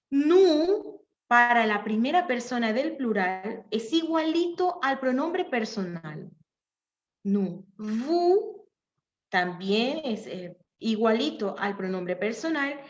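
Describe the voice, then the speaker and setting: A slow, patient woman teacher with a fairly high voice walks students through French verb forms, spelling each ending. Her voice sits in an echoey room and comes through dull and lo-fi over a video call. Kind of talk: online language class. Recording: echoey room, dull lo-fi sound, faint noise.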